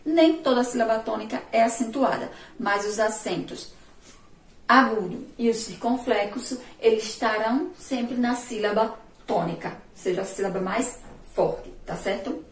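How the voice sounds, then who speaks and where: A woman teacher with a Sergipe Brazilian accent, giving a remote lesson, stretching syllables slowly and praising her pupils' answers. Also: fairly high pitch. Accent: Sergipe Brazilian Portuguese. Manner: slow, drawn-out syllables, asks pupils questions and praises answers. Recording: echoey room, voice far from mic.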